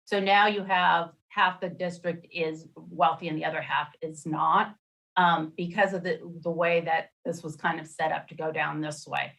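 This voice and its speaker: A woman commissioner explaining a map proposal at a public meeting over a video call, halting with many fillers and restarts. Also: low-pitched, fairly even intonation, gravelly, fairly bright tone, poor audio. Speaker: redistricting commissioner.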